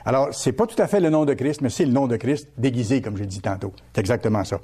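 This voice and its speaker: A male pastor delivers a teaching sermon. His voice sits at an ordinary pitch with a warm, mellow tone. He repeats key words and keeps putting questions to his listeners. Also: quick pace, husky.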